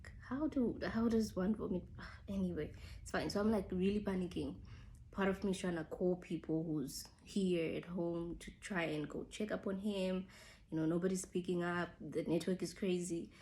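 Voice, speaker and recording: A woman's voice: fairly low pitch, steady tone, moderate pace, dark tone, a little hiss or hum. A young woman casually telling viewers a personal story, full of "like" fillers and calling them "guys". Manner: chatty, frequent "like" fillers, addresses viewers as "guys". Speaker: vlogger telling her engagement story.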